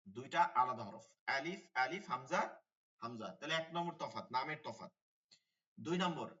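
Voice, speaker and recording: A man teaches an online Quran class in a bright, sharp voice pitched a little high. He repeats each term and quizzes his students as he goes. The sound is dull and comes from some distance from the mic. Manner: repeats key terms, asks students questions.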